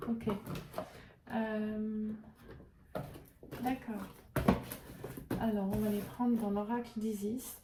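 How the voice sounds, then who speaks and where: A woman gives an intuitive tarot and oracle card reading to camera, speaking hesitantly, searching for words, and using many fillers. Her medium-pitched voice is flat and slow with frequent pauses. The recording has heavy background noise and a roomy echo, with her voice a little far from the mic.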